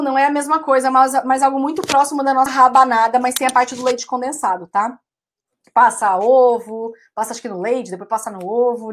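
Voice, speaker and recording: A young Brazilian woman teaching English live online, her voice sitting a little high. She talks in a chatty, loose way, repeating each word for her students and answering comments from the chat as she goes. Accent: Brazilian Portuguese. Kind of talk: live online class, explaining vocabulary.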